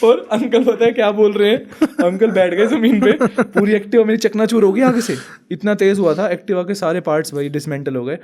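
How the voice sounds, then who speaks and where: A young man telling a story in casual chat, animated and laughing often. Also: high-pitched, normal speed, few pauses. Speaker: podcast guest.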